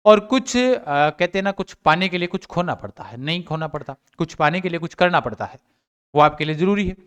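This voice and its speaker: A man's voice: fairly high pitch, animated, brisk, clean tone. A man giving exam updates to students in a casual teaching talk, asking his own questions and answering them.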